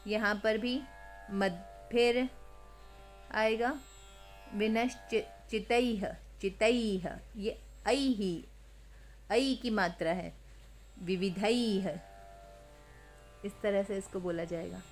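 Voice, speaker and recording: Slow-chanting woman teaching scripture verses. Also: medium pitch, soft background music. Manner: chants verses slowly, then explains pronunciation patiently. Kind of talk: slow chanting lesson with spoken explanations.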